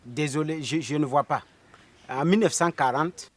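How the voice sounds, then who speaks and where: A man's voice: on the high side, moderate pace, no room sound, lightly acted. An actor playing a confident male quiz contestant, with a Burkinabè French accent. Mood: stumped. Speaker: quiz candidate.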